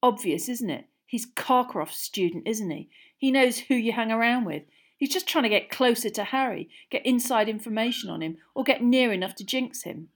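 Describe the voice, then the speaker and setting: A woman's voice: medium pitch, animated, normal speed, few pauses, pitched above the performer's own voice. Woman voicing Ron Weasley, scathing sulky teenage boy. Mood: nasty, sneering. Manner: accusing, sneering, loud.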